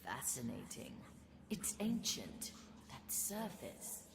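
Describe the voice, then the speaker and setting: An actress playing a solemn ghostly woman, the spirit of a pirate ship in a video game, narrating in a measured, mysterious manner. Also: rumbling low, very animated, vocal fry, background noise, full character voice. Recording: echoing, reverberant, under loud music.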